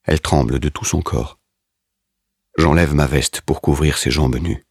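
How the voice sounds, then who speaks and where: Very deep, husky male story narrator. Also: fairly even intonation, a little slow, a little mellow, no echo, clean studio sound. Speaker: audiobook narrator. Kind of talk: first-person dramatic story reading.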